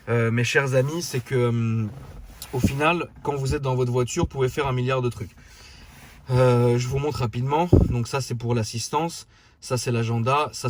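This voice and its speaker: A man's voice: mid-range voice, a little hiss or hum. Chatty man vlogging about his car. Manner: chatty, animated, full of fillers. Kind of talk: casual vlog storytelling and car demo.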